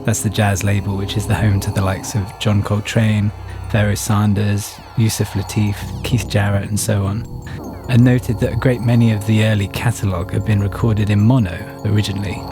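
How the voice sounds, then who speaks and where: A man with a lowish voice narrates his own story in the first person from a script. He speaks at a moderate pace with little pitch movement, while music plays in the background.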